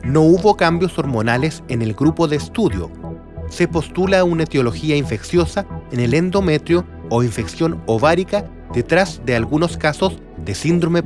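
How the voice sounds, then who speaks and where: A man with a Chilean accent reading scripted documentary narration in a measured, formal way. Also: a little high. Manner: measured, formal, reads in even sentences. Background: faint music.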